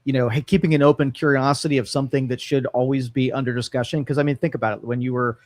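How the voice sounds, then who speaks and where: Co-hosting a studio talk show, this man thinks out loud in casual opinion chat, stumbling through frequent fillers and restarts. He speaks quickly in a steady, medium-pitched, slightly mellow voice, and the recording is dry.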